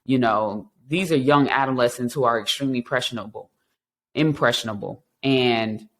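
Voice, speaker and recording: A man's voice: mid-range voice, moderate pace, fairly bright tone. Earnest man sharing a recovery story. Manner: earnest, reflective, with frequent ums and restarts. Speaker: podcast host. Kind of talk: personal testimony and encouragement.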